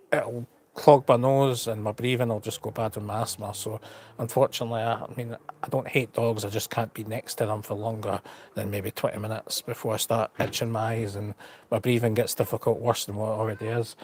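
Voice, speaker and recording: A Scottish travel vlogger chats casually to his live stream, rambling and frank, with a slight stutter and repeated words. His voice is lowish and brisk, with little movement in pitch.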